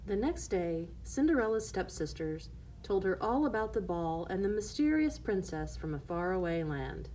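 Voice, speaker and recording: A woman's voice: medium pitch, big pitch swings, moderate pace, mellow, slight background noise, rough recording. A woman narrating a fairy tale in a storytelling style for listeners.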